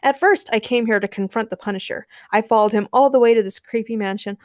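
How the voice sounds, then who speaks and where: Woman as excitable, high-pitched Spider-Man. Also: fast talker, no room sound, close to an everyday voice. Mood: cocky. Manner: exclamatory, theatrical. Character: excitable, theatrical young male masked superhero, easily spooked.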